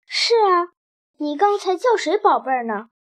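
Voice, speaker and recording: Tender tabby cat, gentle and loving, storybook part, read by a woman. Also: extremely high pitch, very animated, normal speed.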